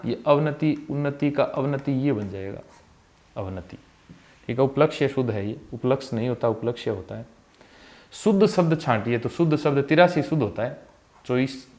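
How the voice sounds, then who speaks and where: A man leads a Hindi exam-prep spelling lesson in a medium-pitched voice, repeating each word along with its correct form, calling viewers "bhai" and asking them questions. His voice often drops softly at the ends of phrases, and the sound is slightly dull and lo-fi.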